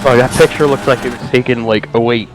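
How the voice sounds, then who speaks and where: A man chatting casually with a streamer friend in quick, offhand banter. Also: mid-range voice, fairly even intonation, slight background noise, rough recording. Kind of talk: casual chat.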